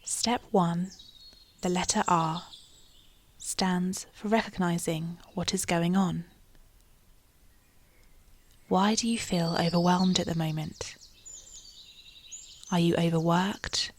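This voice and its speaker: Calm and soothing, this woman guides listeners through a meditation in a soft, breathy near-whisper that sits on the low side. She phrases things carefully and leaves long pauses.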